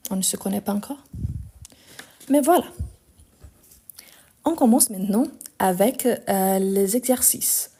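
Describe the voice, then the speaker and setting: A woman with a Lyon accent, from France and Brazil, teaching a French grammar lesson in a live stream, spelling out verb forms slowly and firmly answering critics. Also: mid-range voice, warm tone, breathy edge. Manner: explanatory, repeats forms slowly, gets indignant answering critics.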